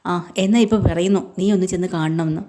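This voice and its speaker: Woman doing a gruff, curt working man. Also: lowish voice, fairly even intonation, fairly quick, dark tone, natural voice. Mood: curt, irritated. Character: blunt angry working-class man.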